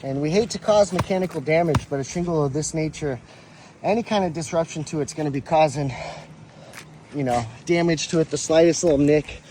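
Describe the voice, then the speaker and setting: A man's voice: on the high side, brisk, darkish tone. A man, a roofing contractor, explaining a repair in a practical, plain-spoken way while out of breath on a roof. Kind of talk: casual on-the-job explanation. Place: outdoors on a roof. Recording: noisy outdoor recording.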